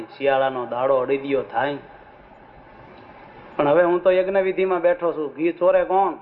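Casting: a lively male religious storyteller, high voice, muffled recording. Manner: lively, asks the audience "understood?". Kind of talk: folksy sermon storytelling. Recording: muffled with faint music.

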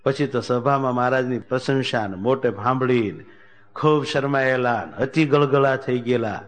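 A man telling a devotional story as a sermon, animated, raising his voice when he speaks for the characters. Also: moderate pace. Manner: animated storytelling, voicing characters with raised pitch. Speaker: religious storyteller.

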